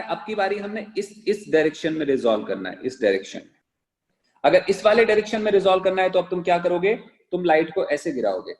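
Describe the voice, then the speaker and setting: A male teacher giving a classroom lecture, asking the class rhetorical questions and repeating phrases slowly so students can write them down on words. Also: fairly high pitch, poor audio. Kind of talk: classroom lecture, dictating notes.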